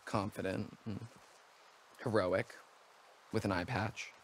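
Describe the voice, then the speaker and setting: A man's voice: on the low side, fairly even intonation, takes it slowly. A young male actor playing a wounded, wryly joking young man in a video game cutscene. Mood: teasing. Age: young adult. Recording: game ambience noise behind the voice.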